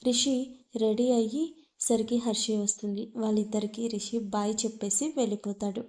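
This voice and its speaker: Mellow young woman reading a love story. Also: fairly high pitch, fairly even intonation, moderate pace. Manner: names each speaker before their line, light shifts for characters.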